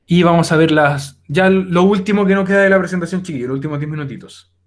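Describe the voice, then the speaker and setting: A man's voice: fairly high pitch, quick pace. A young man explaining a lesson on a screen recording, talking informally to his students with many fillers. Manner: informal, addresses students directly, frequent fillers. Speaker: teacher. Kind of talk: recorded online class explanation.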